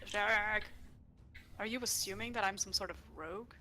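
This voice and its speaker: A woman's voice: medium pitch, normal speed, bright, forceful tone, a little hiss or hum. A woman chatting casually as a player in a tabletop role-playing game.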